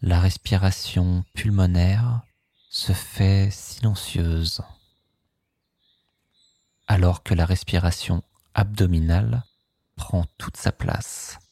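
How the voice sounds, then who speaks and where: A man with a very deep, mellow voice leads a guided sleep hypnosis. He speaks extremely slowly in a soothing, hushed way, with a breathy, husky edge, recorded close and dry. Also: fairly even intonation, no echo. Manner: slow, soothing, hushed delivery.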